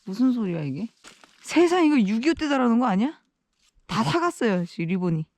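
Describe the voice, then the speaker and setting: A woman on a solo backpacking vlog talks casually to her audience outdoors in an icy valley, muttering nervously while stepping with care. She speaks briskly in a very animated, a little high voice with a darkish tone, over slight background noise.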